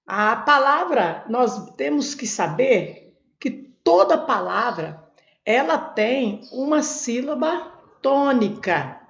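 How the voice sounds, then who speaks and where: A Brazilian Portuguese woman teacher works through exam grammar, posing a question and then answering it herself. Her voice sits a little high and moves a great deal, with a gravelly edge. The recording sounds dull and lo-fi. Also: big pitch swings, slow, echoey room. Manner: step-by-step, asks questions and answers them herself. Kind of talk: exam prep lesson, explaining on a board.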